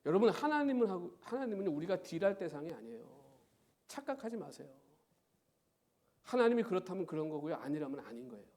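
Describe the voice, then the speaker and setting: A middle-aged male pastor preaching a sermon, firing rhetorical questions at the congregation in an animated way. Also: high voice, fast talker. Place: church sanctuary.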